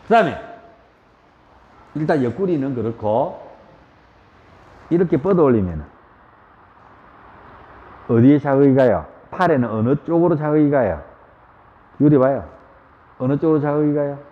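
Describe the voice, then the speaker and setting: A man with a Gyeongsang Korean accent teaching a yoga class, asking questions and acting out shouts. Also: medium pitch, moderate pace, long pauses, phone-quality sound. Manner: lively, asks the class questions, acts out shouts. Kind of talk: spoken yoga lecture. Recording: roomy hall echo.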